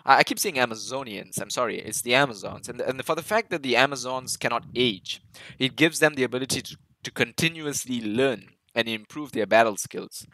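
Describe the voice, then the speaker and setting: Bright-voiced man reviewing a film. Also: mid-range voice, fairly quick, no room sound, low-quality recording. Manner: enthusiastic, many fillers and restarts. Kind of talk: casual movie breakdown commentary.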